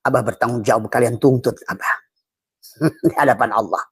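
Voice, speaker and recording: Husky-voiced middle-aged spiritual teacher. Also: male voice, medium pitch, a little fast, no room sound. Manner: chuckles often between phrases; calls himself a fatherly elder, addresses listeners as friends.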